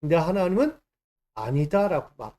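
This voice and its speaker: Male pastor, high voice, emphatic sermon delivery with rhetorical questions. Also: sing-song, moderate pace, warm tone.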